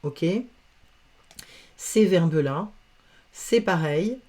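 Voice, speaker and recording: Slow, patient grammar teacher, woman. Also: lowish voice, lively intonation, darkish tone. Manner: patient, spells out letters and sounds. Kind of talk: slow, careful grammar lesson.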